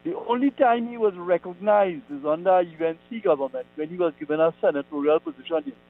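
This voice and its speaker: A man, calling in to a radio show over a clipped phone line and speaking in an emphatic, deliberate way. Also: sits high, lively intonation. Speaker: caller. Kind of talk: call-in radio chat.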